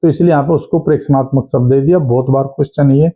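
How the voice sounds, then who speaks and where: A man teaching an exam-prep lesson, animated, posing questions and answering them himself. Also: medium pitch, quick pace. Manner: animated, asks and answers his own questions. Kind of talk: lecture. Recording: dull lo-fi audio.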